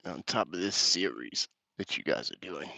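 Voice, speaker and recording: A man with a deep, low voice chats on a live stream between push-up sets. His tone is bright and forceful, and the sound is dry and close. He swears casually, laughs at the comments and sounds a little winded. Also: expressive, moderate pace, vocal fry, dry recording. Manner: crude, joking, reads chat comments aloud with laughs.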